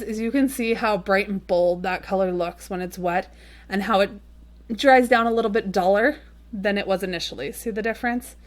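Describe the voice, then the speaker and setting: A woman talking casually through a watercolor painting tutorial, chatty and rambling with frequent ums and little apologetic asides. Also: medium pitch. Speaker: watercolor card-making tutorial host.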